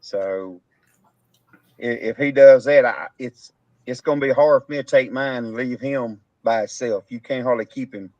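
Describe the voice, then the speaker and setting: Rambling Texan farmer on a dull dry stream. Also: male voice, medium pitch, normal speed, a little mellow, no echo. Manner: rambling, laughing storyteller with rural Southern grammar. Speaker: host, cattle farmer. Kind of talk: casual chat on a live stream.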